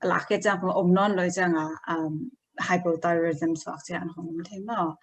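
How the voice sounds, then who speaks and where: Woman, lower pitch, hesitant health presenter, slow informal explainer. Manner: hesitant, slow explaining with English medical terms.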